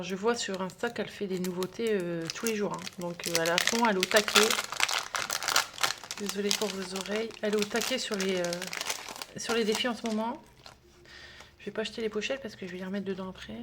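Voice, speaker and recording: A tired woman chatting through an unboxing, gushing over each little item and slipping into soft whispers now and then. Her voice sits in a middle pitch and is full of casual fillers. A faint hiss runs under the recording. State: tired, trembling hands. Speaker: budgeting vlogger.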